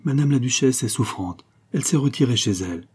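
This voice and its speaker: Man doing a polite household servant in an audiobook; dark, husky voice. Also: medium pitch, animated, brisk. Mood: deferential. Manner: deferential. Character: polite male household lackey.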